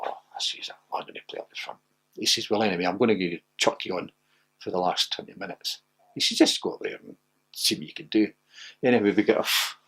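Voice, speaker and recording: A man's voice: vocal fry, slightly rough. Older man telling football stories. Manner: laughing anecdotal, gets loud and high when excited. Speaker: former footballer interviewee. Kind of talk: animated storytelling.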